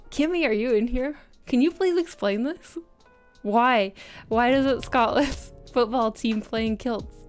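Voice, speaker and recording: Speaking at a measured pace in a slightly high voice, a woman hosting an art livestream casually reads her viewers' comments, laughing and teasing herself. Music plays underneath.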